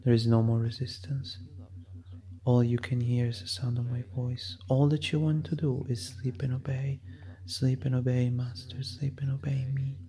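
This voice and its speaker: A man performing an ASMR hypnosis roleplay, murmuring slow repeated commands and often dropping into a whisper. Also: mid-range voice, flat delivery, mellow. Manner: repetitive chanting commands.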